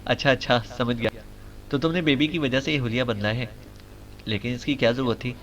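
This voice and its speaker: A man's voice: mid-range voice, fairly even intonation, lightly acted. A man voicing a genial fatherly official. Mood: amused. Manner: amused, then grave and sorrowful. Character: genial middle-aged male official, a father.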